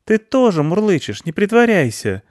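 A man voicing a bossy, energetic little girl in a storybook, speaking briskly and insistently. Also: sits high, dry recording, studio quality, voice pushed up. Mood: coaxing. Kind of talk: audiobook character voice.

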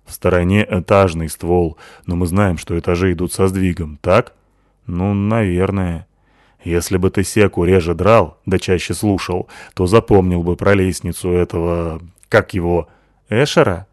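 A tough, crude woman speaks bluntly and gruffly, in a low, deep voice that a man puts on. Her lines land loud and plain in a dry, close recording. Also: fairly even intonation, moderate pace, dry recording, natural voice.

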